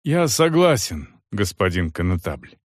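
A man voicing a ragged, bloodied man who hoarsely pleads for a fair trial. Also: big pitch swings, unhurried, dry recording, studio quality. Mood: pleading. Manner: shrill desperate pleading.

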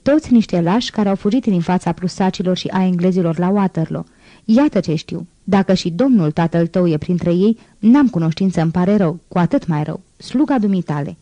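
A woman's voice: lowish voice, lively intonation, dry recording, close to an everyday voice. A woman voicing a furious, scornful old grandfather in an audiobook reading. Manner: shouting, scornful.

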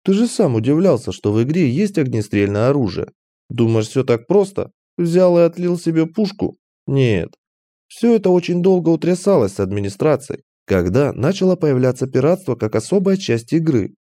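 A brash, bossy young woman lectures in a raised, lively audiobook voice, as a male narrator puts her on. Her blunt tone lifts well above his own mellow register. The recording is dry and close. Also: a little high, moderate pace, no echo, lightly acted. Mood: explaining. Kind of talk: audiobook character reading.

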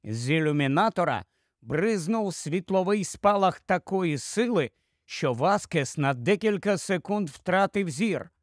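A man reads a story aloud with dramatic, expressive delivery. His voice sits a bit high for a man. The recording is dry and close, with no echo. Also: a little slow. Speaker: audiobook narrator. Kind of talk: scripted story narration.

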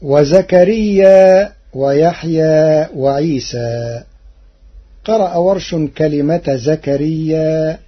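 Slow, husky radio presenter man. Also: a little high. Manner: measured, quotes verses slowly and carefully. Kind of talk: scripted explanatory commentary on recitation. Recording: muffled old radio recording.

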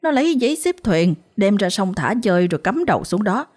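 A woman's voice: mid-range voice, sing-song, brisk, darkish tone. Vengeful young woman's ghost, scolding and accusing, storybook horror, as a woman narrator puts her on. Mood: bitter accusing.

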